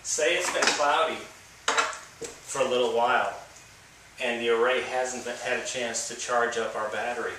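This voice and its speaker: Talking as he works, a relaxed middle-aged DIY instructor gives a plain, step-by-step demonstration of wiring solar equipment in a medium-pitched, slightly slow voice. The scene moves from outside a house to a workshop indoors. Captured by a somewhat distant camera, the sound carries background noise and faint ambience.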